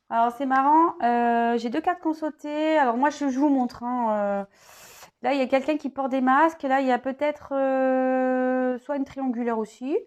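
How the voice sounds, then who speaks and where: A hoarse woman giving a casual tarot reading to her viewers, chatty and full of fillers and restarts. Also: sits high, steady tone, normal speed, a little mellow. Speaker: tarot reader.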